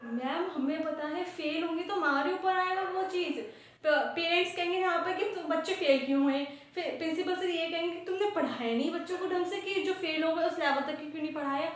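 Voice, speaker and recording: A woman's voice: fairly quick, a little hiss or hum. A woman playing a weary female schoolteacher who chats and complains about her workload. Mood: complaining. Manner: chatty, complaining, sighs into low trailing remarks. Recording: very echoey room.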